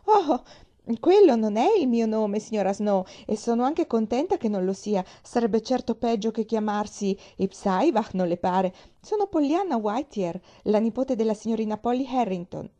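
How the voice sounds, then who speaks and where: A woman's voice: medium pitch, animated, a little fast, dark tone. A woman voicing a cheerful, chatty little girl in a storybook reading, eager and bubbly.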